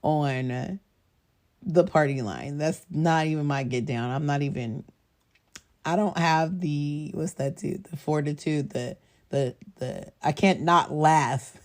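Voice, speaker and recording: A woman hosting a podcast, telling a personal story in a casual, candid way, animated and often laughing. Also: low-pitched, slow. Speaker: podcast host.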